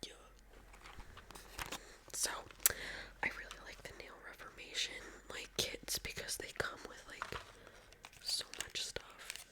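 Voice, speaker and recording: Young woman in her 20s, whispered ASMR chat, crisp bright whisper, stuffy nose, loud breaths, rambly filler-heavy delivery. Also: slow, pauses often. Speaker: ASMR creator.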